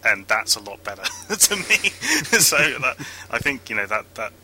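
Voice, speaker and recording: A man's voice: lowish voice, very animated, normal speed, sharp tone, a little hiss or hum, poor audio. A man co-hosting a podcast, joking and laughing as he talks in a self-deprecating way. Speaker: podcast co-host. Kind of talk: casual podcast chat.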